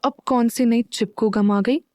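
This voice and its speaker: A woman voicing a feisty, sharp-tongued young woman with a snappy manner. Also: on the high side, steady tone, unhurried, dry recording, studio quality, close to an everyday voice. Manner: snappy, dramatic.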